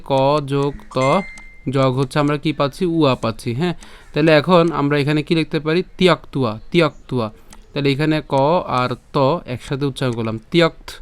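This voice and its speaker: A man with a Bengali accent teaching Sanskrit verse pronunciation, patiently breaking each line into syllables and repeating it slowly. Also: a little high, clean tone. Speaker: Gita recitation teacher. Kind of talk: pronunciation lesson.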